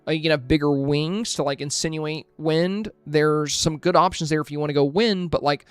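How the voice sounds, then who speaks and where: A man's voice: fairly high pitch, moderate pace, smooth, no echo. A man streaming a casual review of game screenshots, friendly and thinking aloud with plenty of fillers and restarts. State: hiccuping, with a headache.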